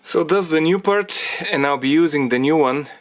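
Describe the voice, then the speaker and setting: A man explaining a car repair as he works on it, thinking aloud in halting phrases and getting out of breath from the effort. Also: a little high. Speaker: DIY car repair presenter. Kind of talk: hands-on repair tutorial.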